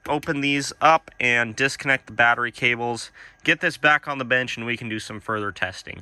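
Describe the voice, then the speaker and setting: A man's voice: medium pitch, smooth. A young man casually walking viewers through troubleshooting electronics in his workshop studio, explaining each step as he goes. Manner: shaken and excited at first, then calm explaining. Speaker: electronics repair video host. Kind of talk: casual hands-on demonstration.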